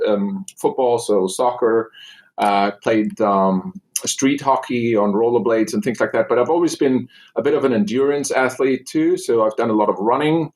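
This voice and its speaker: Man, podcast guest, relaxed, hesitant, lots of uhs. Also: mid-range voice. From Germany. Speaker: guest, fertility doctor. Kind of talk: casual interview chat.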